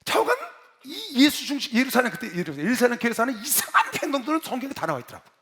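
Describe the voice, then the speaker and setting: A middle-aged pastor preaching in a big convention hall, his voice leaping high and low in lively swings. He talks fast and tells stories dramatically, with a gravelly edge when he drops low. Long reverb trails behind every shout. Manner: dramatic shouting and storytelling, swings from loud to hushed. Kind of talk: animated sermon.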